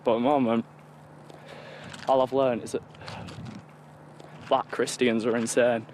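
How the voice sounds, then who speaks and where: A man's voice: medium pitch, flat delivery, measured pace, a little mellow. British teenage boy, faint background noise. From United Kingdom. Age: teens. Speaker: visiting teenager on a reality show. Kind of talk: unscripted reality TV talk.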